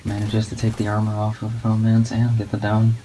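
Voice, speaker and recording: A man giving low-key, monotone play-by-play commentary on a competitive match as a guest commentator. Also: brisk, low-quality recording. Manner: not much of a talker. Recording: steady background noise.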